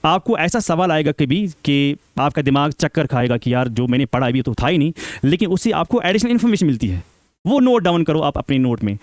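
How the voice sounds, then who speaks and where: A man speaks to exam aspirants in an emphatic, questioning way, switching between Hindi and English. His voice sits slightly high. The sound is dry and close. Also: lively intonation, fairly quick, dry recording. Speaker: seminar speaker. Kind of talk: exam guidance talk to students.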